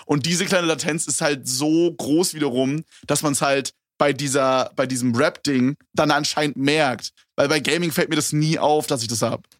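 A young man talks casually into a headset, slangy and full of fillers. His voice sits a little high. The recording is dry, with no room sound. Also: fairly even intonation, normal speed, few pauses, no room sound. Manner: slangy, rambling, with many fillers. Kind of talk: casual chat. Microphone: wireless gaming headset.

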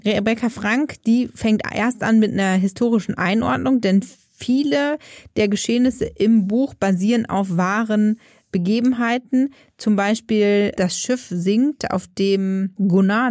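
Woman, book podcast co-host, explains background, mid-pitched, dry sound. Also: darkish tone, no echo. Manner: explains plainly and fills in details. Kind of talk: casual book discussion.

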